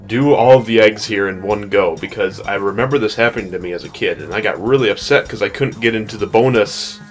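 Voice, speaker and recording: Low-voiced young man over game music. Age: young adult. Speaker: let's play host. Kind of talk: casual gameplay commentary. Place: small bedroom at home. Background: video game music.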